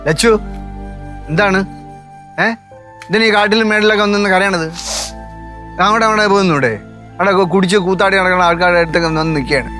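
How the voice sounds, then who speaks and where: A sensible, firm uncle who scolds and reassures in quick, brisk speech. His voice sits a little high for a man, with faint music under the scene. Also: bright, forceful tone. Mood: scolding. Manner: scolding, reasoning. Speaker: maternal uncle. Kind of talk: sitcom acting.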